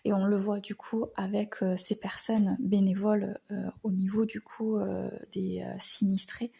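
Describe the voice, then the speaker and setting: A woman from France gives a slow, thoughtful astrology monologue. Her voice is soft and mellow with a breathy, slightly husky edge. She hesitates often, and her phrases fade away into a near whisper. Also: mid-range voice, little pitch movement. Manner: hesitant, frequent filler pauses, words trailing off into whispers. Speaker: astrology channel host. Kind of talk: reflective spoken monologue.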